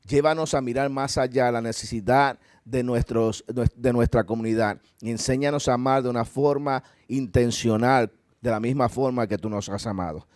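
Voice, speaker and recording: The pastor speaks at medium pitch with a steady, darkish tone and moderate pace, recorded cleanly in studio quality without echo. With his Puerto Rican accent, he gives a sincere, conversational church-hall talk with asides and closes in prayer.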